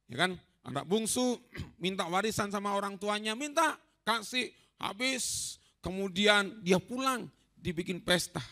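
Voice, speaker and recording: A man preaching a lively storytelling sermon in a church hall. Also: sits high, unhurried. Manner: lively, storytelling, addresses listeners as saudaraku.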